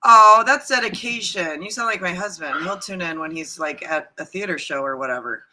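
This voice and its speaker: A woman's voice: fairly low pitch, normal speed, background noise. A woman co-hosting a casual livestream chat, giggly and playfully teasing. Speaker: co-host.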